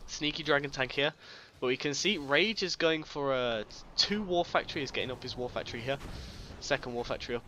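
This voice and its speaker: A man's voice: mid-range voice, fairly quick, sharp tone, a little hiss or hum. A man casting a strategy game in a casual, chatty way, joking at his own expense and often tripping over his words. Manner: chatty, self-deprecating, stumbles over words. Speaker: game caster. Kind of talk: casual real-time strategy game commentary.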